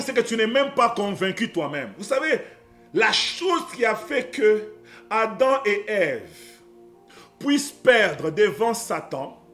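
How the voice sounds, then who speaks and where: A high-pitched man preaches a fervent sermon, repeating lines and swelling to shouts. Faint music plays softly beneath his voice. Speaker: pastor.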